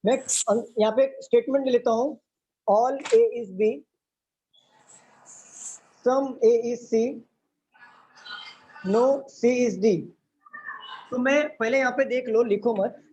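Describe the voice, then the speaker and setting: A man whose voice is very high yet darkish in tone teaches reasoning in a live online session. Step-by-step explanations, frequent quizzing, and English mixed into Hindi mark his delivery. The stream has dull, lo-fi audio with faint background noise.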